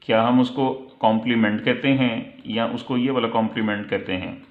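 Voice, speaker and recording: A man's voice: medium pitch, steady tone. Male English tutor, patient and methodical, tinny and echoey home recording. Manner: slow, patient explaining, reading English phrases slowly then translating. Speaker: English teacher. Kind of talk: online lesson explaining multiple-choice questions. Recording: echoey, tinny phone-like audio.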